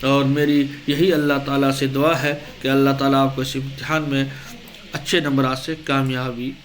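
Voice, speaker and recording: A male teacher, giving an exam-prep lesson. He asks the class questions, answers them himself, and reads out lists of words slowly. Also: mid-range voice, little pitch movement. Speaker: Urdu teacher. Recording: echoey room.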